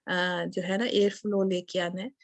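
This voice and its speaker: A woman's voice: fairly low pitch, little pitch movement, dry recording. A woman teaching a Quran recitation lesson, explaining letter sounds step by step and demonstrating them aloud. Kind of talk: tajweed lesson.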